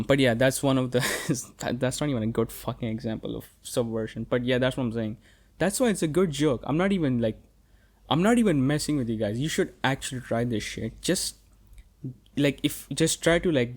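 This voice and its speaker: A young man talking alone on his podcast, rambling freely, swearing casually and stopping to restart his sentences. His voice sits at an ordinary middle pitch. He keeps the loose feel of a casual monologue. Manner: rambling and profane, many fillers and restarts. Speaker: podcast host.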